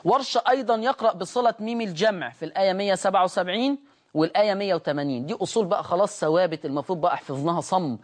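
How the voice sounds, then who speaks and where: A man with an Egyptian Arabic accent teaching Quran recitation rules. He explains each rule and then slowly intones the example words. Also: high-pitched. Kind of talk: recitation lesson.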